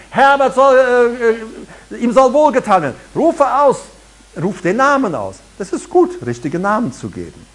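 A middle-aged man preaching a sermon as pastor, emphatic and lively, rising and dropping for effect. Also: fairly high pitch, breathy edge.

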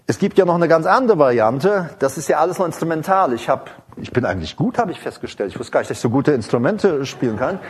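Talking fast with few pauses, a man with a husky, slightly high voice and lively intonation delivers a rambling, informal sermon. He digresses, restarts and uses plenty of fillers, breaking into sung praise and tongues between sentences.

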